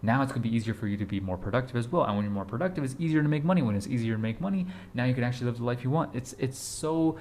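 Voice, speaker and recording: A man's voice: medium pitch, lively intonation, rapid-fire, hardly any pauses, darkish tone, a little hiss or hum. A man in his twenties giving a casual motivational talk to camera, urgent and repetitive, blunt, with casual swearing. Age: 20s. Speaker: fitness vlogger.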